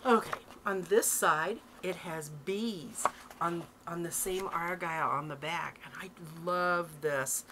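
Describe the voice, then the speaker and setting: A woman's voice: lowish voice, slow pace, background noise. Chatty, eager middle-aged woman vlogger. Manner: chatty and enthusiastic, laughing often. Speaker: craft vlogger. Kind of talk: casual show-and-tell vlog.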